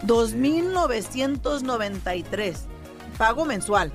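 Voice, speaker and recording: A woman's voice: on the high side, animated, slow pace, soft background music. Woman, conversational radio host. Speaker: radio show co-host and mortgage lender. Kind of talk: casual on-air talk and advice.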